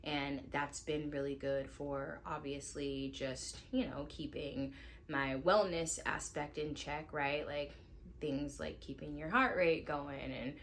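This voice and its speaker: A woman in her thirties talks to her camera at home in a loose, chatty vlog style, scattering "like" through her sentences. Her voice sits low for a woman, and a faint hiss hangs under it. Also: slow pace. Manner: relaxed, chatty, lots of "like" fillers. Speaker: lifestyle vlogger and mom. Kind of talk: casual vlog chat to camera. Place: at home indoors.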